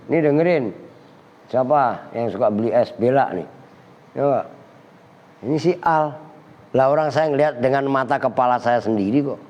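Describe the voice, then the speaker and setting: A man teaching Arabic grammar from a kitab to boarding-school students, reciting slowly and teasing and scolding them in between. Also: mid-range voice, darkish tone. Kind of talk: pesantren kitab lesson. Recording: dull lo-fi audio in a reverberant hall.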